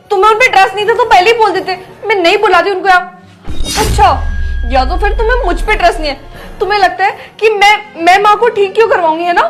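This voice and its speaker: A woman's voice: very high voice, fairly bright tone. A woman playing a scheming young wife who reproaches and accuses her husband. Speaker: actor in a web drama. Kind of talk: dramatic dialogue.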